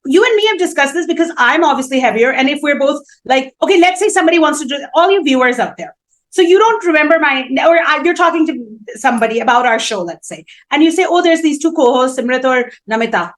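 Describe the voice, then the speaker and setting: Woman co-host, high-pitched, lively storyteller, casual chat. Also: fast, low-quality recording. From India. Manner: animated, storytelling, emphatic. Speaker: talk show co-host.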